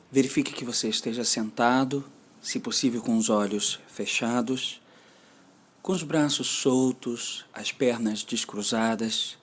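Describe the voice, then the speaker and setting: A man with a Brazilian Portuguese accent leads a mindfulness meditation, his mid-range voice carrying a breathy edge. He gives gentle, deliberate instructions separated by long pauses.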